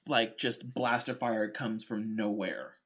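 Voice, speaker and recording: A man's voice: lowish voice, steady tone, slow, fairly bright tone. A man co-hosting a podcast, casually recapping with wry asides and many fillers. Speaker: podcast co-host. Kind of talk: casual chat.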